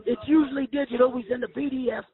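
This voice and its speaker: A man giving rambling, anecdotal talk on the phone in a deadpan, meandering manner. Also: very high voice, fast talker. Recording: tinny phone line, crowd-like background noise.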